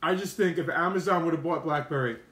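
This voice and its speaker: A man's voice: a little high, fast talker, fairly bright tone. A man chatting casually to viewers on a livestream, rambling and opinionated, telling stories with plenty of slang. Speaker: mukbang streamer. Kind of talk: casual rambling live-stream chat to viewers. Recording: roomy, echoey room sound.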